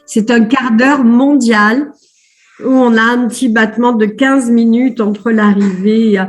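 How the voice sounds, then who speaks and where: A woman with a high voice running a live online coaching session over a video call. She sounds upbeat and chatty, keeps repeating little words of praise, and fills her pauses with casual hesitations. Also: fairly even intonation. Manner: chatty with many fillers. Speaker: life coach.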